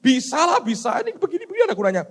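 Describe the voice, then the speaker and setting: A bossy old God, as a preacher puts him on barks out brisk commands. The voice sits high and swings widely in pitch. He repeats short words in quick bursts. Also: huge pitch swings, big-room sound, full character voice. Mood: grudging. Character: God, booming and bossy, an old male ruler.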